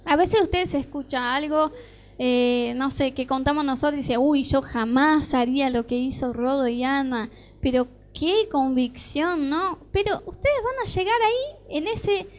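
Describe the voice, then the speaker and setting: High-voiced Argentine woman preaching. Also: unhurried. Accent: Argentine Rioplatense Spanish. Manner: animated storytelling, acting out dialogue. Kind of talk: sermon with personal testimony.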